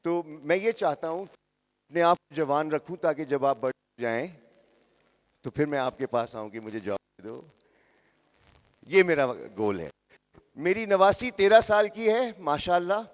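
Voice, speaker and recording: An older man in his sixties speaks slowly and deliberately, his voice ringing out through a large hall. He talks to a young audience, calls on them directly and repeats key phrases to drive them home. His voice sits a little high for a man. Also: animated. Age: 60s. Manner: interactive, addresses the crowd and repeats phrases for emphasis. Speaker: motivational speaker. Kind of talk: motivational talk to young audience. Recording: echoey hall.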